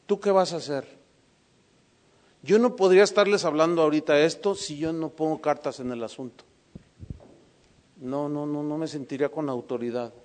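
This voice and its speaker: A man preaching a sermon with a high voice, his delivery dynamic as he tells a story. He drops to a hush on some lines and pushes hard on others. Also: fairly even intonation, moderate pace, pauses often. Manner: dynamic, swings from hushed to emphatic.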